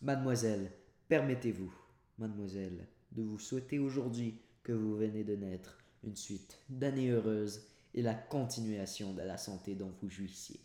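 A pompous, fawning provincial judge who measures out slow flowery compliments, as a man reads him. The voice stays low and close to the reader's own. Echo hangs in the room. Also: dark tone, natural voice. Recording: roomy echoey home recording.

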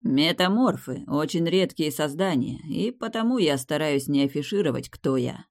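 A woman's voice: low voice, moderate pace. A woman reading a wry shapeshifting rector. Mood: teasing. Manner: calm, teasing, matter-of-fact. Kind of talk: audiobook character reading.

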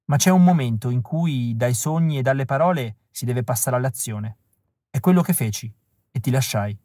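A man reading an audiobook, voicing a tender and resolute rebel woman in a soft, earnest, measured way. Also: medium pitch, animated, dry recording, lightly acted.

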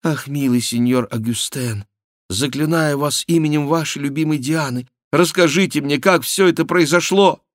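A man's voice: a little high, normal speed, no room sound, clean studio sound, voice pushed up, lightly acted. A man reading the part of a young noblewoman who earnestly implores and comforts an old baron. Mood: pleading. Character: young noblewoman, gentle and pleading.

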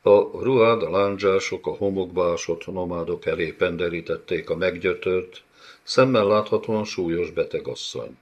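Male narrator, very low voice, steady dramatic reading; slightly muffled recording. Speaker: audiobook narrator. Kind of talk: scripted fantasy narration.

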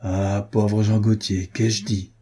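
A man reading the lines of a bold, warm-hearted young nobleman in an audiobook, speaking in a commanding way. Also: fairly low pitch, level tone, takes it slowly, slightly rough. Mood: urgent. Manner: urgent, commanding.

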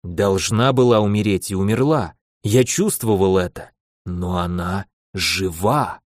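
A man's voice: low voice, unhurried, no room sound, clean studio sound, voice pushed down. A man reading as a curt, unflappable healer. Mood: astonished. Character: calm, imperturbable male healer and envoy.

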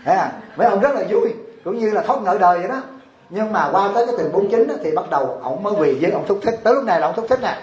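A Buddhist abbot preaches with playful humor, keeps asking his audience questions, and slips into the voices of the people in his stories. His voice sits high for a man. The sound is roomy, as if recorded in a temple hall before a large crowd. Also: expressive, rapid-fire, a little mellow. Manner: joking, acts out quoted widows and husbands, quizzes the audience. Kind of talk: humorous dharma talk to a congregation.

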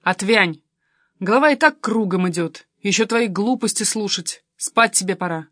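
A woman reading a story, voicing a brash, excitable adult male cousin. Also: medium pitch, moderate pace, no echo, studio quality, natural voice. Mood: brusque. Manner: blunt, exclamatory, impatient.

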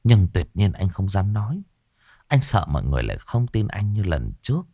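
Expressive male ghost story narrator. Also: low-pitched, a little fast, dry recording, clean studio sound.

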